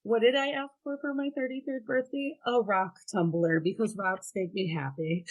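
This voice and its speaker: A woman's voice: mid-range voice, steady tone, normal speed, low-quality recording. A woman in her thirties from Ohio, a podcast guest telling frank personal stories in casual chat with wry laughs. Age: 30s.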